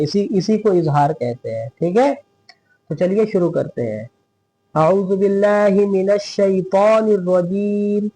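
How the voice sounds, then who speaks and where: A man teaching Quran recitation rules, who often checks in with "theek hai" and recites verses slowly to demonstrate. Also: high-pitched, a little mellow, poor audio.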